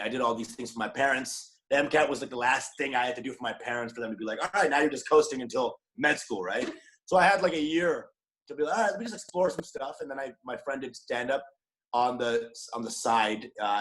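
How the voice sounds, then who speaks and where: A man in his thirties from Dallas, a guest comedian chatting casually on a podcast, energetic, joking and profane. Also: medium pitch, rough recording. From Dallas, USA.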